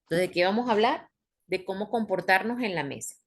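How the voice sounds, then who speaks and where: With a brisk, expressive, slightly rough medium-pitched voice, an English teacher runs an online class. She stays patient, explains step by step, and puts questions to the class.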